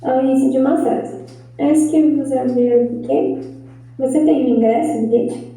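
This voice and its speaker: A woman student reading a lesson text aloud in a careful, measured way. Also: sits high, dark tone, soft background music. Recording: echoey, distant, dull sound.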